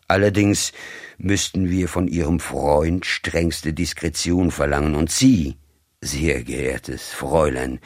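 A cold, commanding gentleman from an old storybook, formal and measured in every word, as a male reader plays him. The voice sits extremely low and husky, with an unhurried pace. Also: dry recording, clean studio sound, heavily acted. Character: cold, commanding middle-aged male agent of a rich employer.

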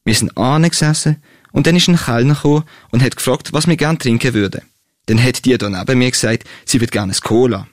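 A man's voice: medium pitch, brisk, no room sound. Swiss man, playful storyteller, comic story reading, dry close sound. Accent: Swiss German.

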